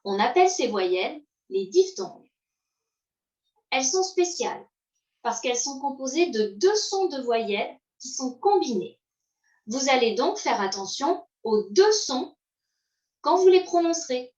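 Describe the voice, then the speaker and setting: A woman giving a slow pronunciation lesson, modeling sounds and pausing for learners to repeat. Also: high voice, very animated, a little mellow. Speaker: English pronunciation teacher. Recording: roomy, distant, dull sound.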